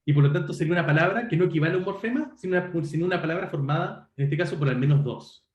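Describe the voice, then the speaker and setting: Male lecturer, fairly high and lively delivery, self-correcting explainer, echoey room. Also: racing, dull audio. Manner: explanatory, checks in with students; self-correcting, frequent "perdón". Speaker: university lecturer. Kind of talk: online linguistics lecture.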